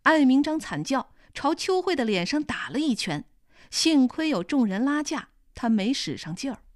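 A woman narrating a novel in clear, steady storytelling. Her voice is high and lively in pitch. The recording is dry and close, with no room sound. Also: normal speed, dry recording. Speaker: audiobook narrator. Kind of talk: scripted narration.

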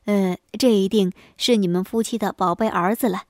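A woman voicing a courteous male scholar friend in a storybook tale, speaking slowly and a bit lower. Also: steady tone, darkish tone, no room sound, studio quality, natural voice. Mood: polite. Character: polite male scholar friend, easily startled.

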